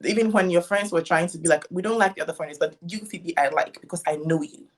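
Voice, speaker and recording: A woman's voice: fairly low pitch, quick pace. Woman, young adult, thoughtful, casual chat. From Ghana. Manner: reflective, rambling with restarts. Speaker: guest content creator.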